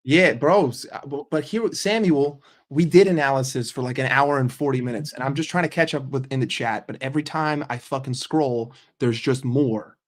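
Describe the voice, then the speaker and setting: A young man on a livestream chats casually with his viewers, joking, swearing freely and reacting to chat. His voice is medium-pitched, his pace moderate, and he barely pauses.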